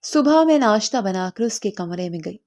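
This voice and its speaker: A woman's voice: medium pitch, expressive, a little mellow. A woman narrating an emotional first-person story as a mother, in a scripted storytelling style.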